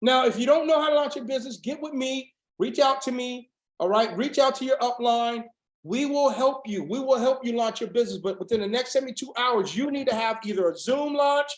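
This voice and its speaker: A man with a high, hoarse voice drives a motivational business training like a sermon, his lines rising into shouts and then dropping low. The sound carries a roomy echo. His delivery is fiery and insistent. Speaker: business coach. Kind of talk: motivational sales training on a video call.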